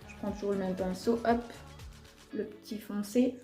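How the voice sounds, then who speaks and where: A woman's voice: mid-range voice, fairly even intonation, normal speed, warm tone, echoey room, soft background music. A woman with an Alsatian accent chatting casually through a makeup tutorial, talking while she applies her makeup, with lots of fillers. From Alsace, France. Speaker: beauty vlogger.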